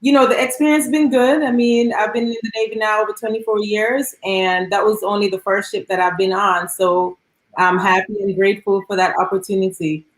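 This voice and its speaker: A woman's voice: medium pitch, steady tone, fairly quick. Polite woman from Jamaica, echoey room. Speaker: guest. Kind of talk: interview answers.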